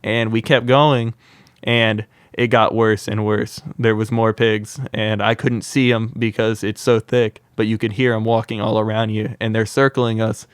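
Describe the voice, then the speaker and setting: A young man who creates wildlife content speaks a little slowly in a fairly low, clean-toned voice, telling wild stories on a podcast with frequent "like" fillers. The studio sound is clean, with no room sound.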